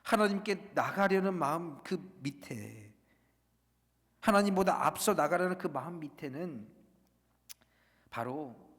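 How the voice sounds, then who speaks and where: Pastor preaching in a reverberant hall. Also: male voice, on the high side, animated, slow pace, long pauses. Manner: dramatic swings from loud urging to hushed near-whisper. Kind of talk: sermon. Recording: long reverb of a large hall.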